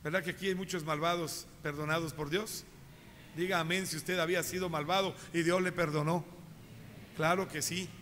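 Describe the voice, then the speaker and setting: Male pastor, animated storyteller, high bright voice, echoing church. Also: normal speed, a little hiss or hum. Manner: animated storytelling, addresses congregation directly. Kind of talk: sermon. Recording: reverberant church hall.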